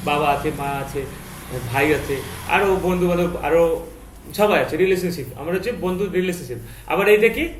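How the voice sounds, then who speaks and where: A man's voice: on the high side, normal speed. A man tutoring a learner, repeatedly asking questions and correcting pronunciation. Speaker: teacher. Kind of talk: tutoring lesson, quizzing a learner. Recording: echoey room with faint noise.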